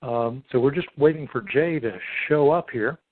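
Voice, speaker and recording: A man's voice: mid-range voice, a little hiss or hum. A middle-aged man hosting a podcast, chatting casually and hesitantly on a three-way phone call. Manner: hesitant, halting, wordy. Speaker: podcast host. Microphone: telephone call. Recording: tinny phone-line sound.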